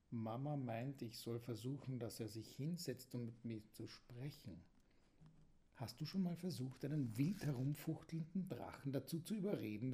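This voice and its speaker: A man reading a children's story aloud in a calm, gentle way, sometimes dropping to a whisper. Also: medium pitch.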